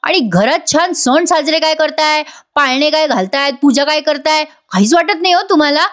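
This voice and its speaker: Woman doing a defiant young husband, rude and bitter, high-pitched. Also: normal speed, lightly acted.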